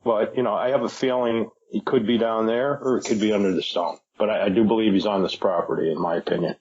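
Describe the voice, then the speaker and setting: A man's voice: on the low side, steady tone, fast talker, darkish tone, slightly rough. A man appearing as a podcast guest, speaking tentatively and speculatively, with many hesitations and restarts. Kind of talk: casual podcast interview. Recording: dull lo-fi remote audio.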